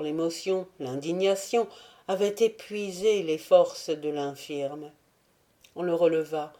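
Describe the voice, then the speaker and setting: A woman reading a novel aloud as an audiobook narrator, measured and dramatic. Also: on the low side, dark tone.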